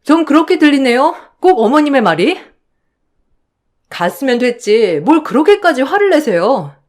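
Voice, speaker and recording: A woman's voice: high-pitched, big pitch swings, normal speed, a little mellow, voice pushed up. A woman voicing a young wife who answers back firmly and indignantly, in a radio drama. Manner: firm, indignant retorts. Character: sharp-tongued young wife standing her ground.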